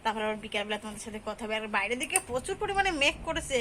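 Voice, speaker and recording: Young woman, kinda high voice, chatty family vlog. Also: very animated, racing, a little hiss or hum. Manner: chatty, speaks softly to her young son. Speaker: family vlogger. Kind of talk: casual vlog narration.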